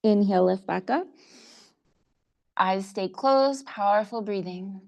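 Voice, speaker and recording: A woman teaching a live online yoga class, giving calm step-by-step cues for breath and poses, a little out of breath as she demonstrates. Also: medium pitch, takes it slowly, gravelly. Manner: slightly out of breath while demonstrating. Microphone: video call.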